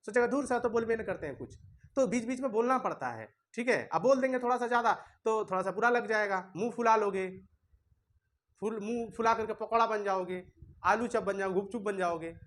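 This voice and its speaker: A man's voice: high-pitched, brisk, a bit bright. Guy teaching class, chatty and scolding the kids. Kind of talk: classroom lesson. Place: classroom with students.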